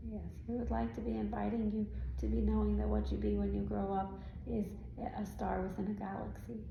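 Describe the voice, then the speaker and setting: A woman channels a serene spirit guide in trance, answering questions from an audience in an indoor event room, her guidance instructive and her phrasing stilted and formal, sprinkled with questioning tags. She speaks monotone and brisk in a creaky mid-range voice. The audio is dull and roomy, with faint noise.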